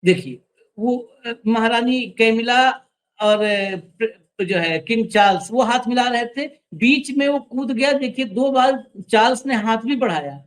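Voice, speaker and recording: A man's voice: very high voice, unhurried, poor audio. Guy doing a news commentary show, sarcastic, leans hard on words, tells the crew to roll the clip. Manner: sarcastic and emphatic, directs the studio crew.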